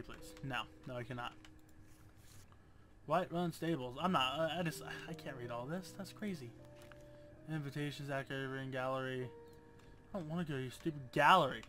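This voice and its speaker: A young man talks through a game in sarcastic, jokey, loose commentary full of swearing. His voice sits a bit high and sounds bright and sharp. Faint music runs underneath. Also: normal speed, pauses often. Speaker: gamer. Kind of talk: casual let's-play commentary.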